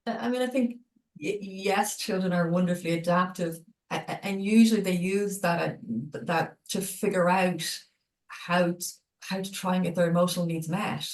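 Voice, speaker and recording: A woman speaking as a clinical psychologist guest in a webinar discussion, explaining in a measured way over a video call. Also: on the low side, steady tone. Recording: echoey room, distant mic.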